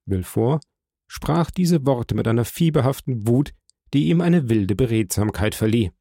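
A man narrating a classic novel in a measured, dramatic reading style. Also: medium pitch, expressive, mellow, dry recording, clean studio sound. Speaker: audiobook narrator. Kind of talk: scripted narration.

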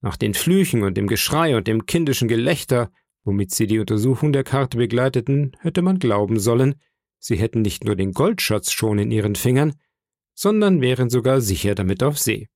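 A man giving an expressive first-person reading of an adventure story as audiobook narrator. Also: medium pitch, moderate pace, dry recording, clean studio sound.

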